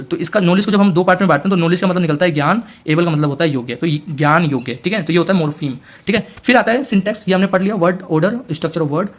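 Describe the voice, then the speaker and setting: A man teaching an exam-prep lecture, explaining in mixed Hindi and English, repeating points and constantly checking in with his students. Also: sits high.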